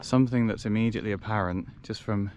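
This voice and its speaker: Talking quickly in a lowish, darkish voice, a young man vlogs his hike on a wooded fellside using a handheld action camera. He's talkative and self-mocking, rambling and restarting, and a bit of hiss or hum is audible.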